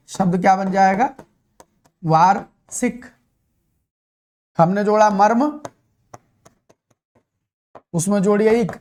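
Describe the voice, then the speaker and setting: Man, high-pitched voice, Hindi teacher, exam-prep lesson, emphatic, repeats words, rhetorical questions. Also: a little mellow.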